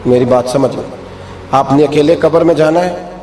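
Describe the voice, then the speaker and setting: A man preaching a sermon in a mosque, impassioned, often rising to high, emphatic exclamations. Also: mellow, slight background noise. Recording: echoey hall with music underneath.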